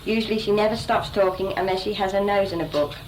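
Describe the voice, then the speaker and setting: A woman's voice: medium pitch, fairly even intonation, fast talker, a little mellow. A young woman giving an informal, slightly self-conscious message to relatives. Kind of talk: informal spoken letter to relatives. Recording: noisy amateur home tape.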